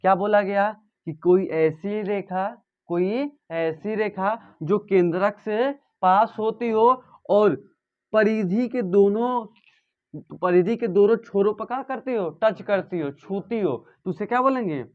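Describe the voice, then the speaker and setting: High-pitched guy with a teaching math, keeps quizzing the class, dull lo-fi audio. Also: takes it slowly. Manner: asks students questions and repeats answers. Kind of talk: classroom lesson. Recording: dull lo-fi sound.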